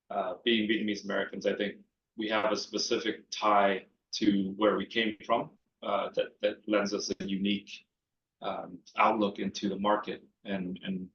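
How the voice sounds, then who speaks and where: Halting low-voiced man in an echoey room. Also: level tone, a bit bright. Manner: halting, lots of fillers. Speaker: startup co-founder. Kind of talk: casual panel talk. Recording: echoey, dull lo-fi room sound.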